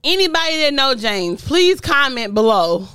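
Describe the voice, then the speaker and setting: A middle-aged woman co-hosts a podcast from home, bantering casually with her partner in a teasing, exasperated, slangy way. Her voice is high and very animated, with a sharp tone at normal speed, captured in a dry recording.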